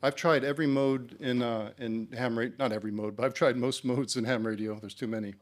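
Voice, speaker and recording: A man's voice: mid-range voice, fairly even intonation, brisk. A man giving a conference presentation for a club, speaking in a casual, encouraging way with plenty of ums and uhs. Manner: casual, encouraging, many fillers.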